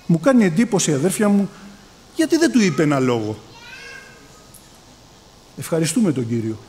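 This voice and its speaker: A man delivering a sermon, addressing his listeners as brothers. His voice sits high and moves a lot, climbing for emphasis and dropping low and soft at the ends of phrases. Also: animated, a little hiss or hum. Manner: calls listeners brothers, voice rising and falling in emphasis. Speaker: preacher.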